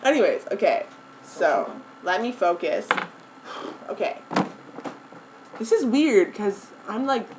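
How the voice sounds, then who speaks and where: A woman's voice: mid-range voice, sing-song, slow pace, long pauses, a crowd in the background, rough recording. A young woman casually telling a friend about her dream on camera, giggly and easily sidetracked, filling her talk with "like" and "anyways". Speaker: vlogger. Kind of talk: casual rambling story to a friend. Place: indoor room with friends.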